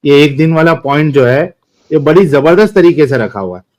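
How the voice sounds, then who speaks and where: A man hosting a live stream debate, brisk and directing callers, thanking viewers along the way. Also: a little high, lively intonation, a little mellow. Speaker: host.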